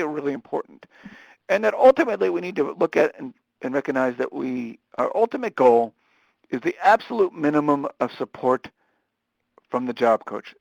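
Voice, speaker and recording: A man giving a live webinar lecture, talking fast and animatedly with frequent restarts. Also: mid-range voice, gravelly, no echo, highs cut off. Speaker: webinar presenter on supported employment.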